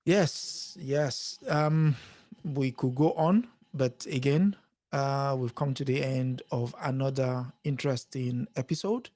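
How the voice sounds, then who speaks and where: A male host leads a relaxed interview and poses thoughtful, open questions to his guest. He backs the conversation with quiet murmurs of agreement, and his voice sits at an ordinary middle pitch. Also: slow. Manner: poses reflective questions, frequent listening murmurs.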